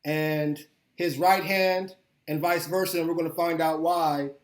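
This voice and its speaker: A man's voice: fairly high pitch, fairly even intonation, unhurried, reverberant. A man hosting a podcast interview in a casual, upbeat way, often repeating words as he goes. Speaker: podcast host.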